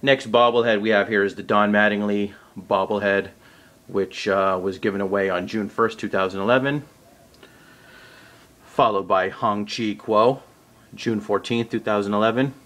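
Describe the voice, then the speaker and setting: A man casually narrating a walkthrough of his collection on home shelves, naming items one after another with the odd pause and self-correction. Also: fairly low pitch. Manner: steady list-like naming with occasional uh and self-corrections. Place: indoors at home by display shelves.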